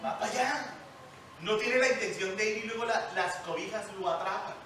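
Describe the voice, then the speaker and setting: A man preaching a lively, joking sermon, asking the congregation questions. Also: sits high, fairly quick, noisy background. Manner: jokey, animated, asks the congregation questions. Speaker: pastor. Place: church hall. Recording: echoey church hall, mic at a distance.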